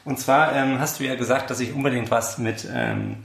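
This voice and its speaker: A young man co-hosts a late-night chat show from a friend's flat, and his voice echoes in the roomy space. He rambles with dry, deadpan irony and often restarts his sentences, at an ordinary middle pitch. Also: normal speed, creaky. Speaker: podcast co-host. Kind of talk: casual chat. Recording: roomy room sound.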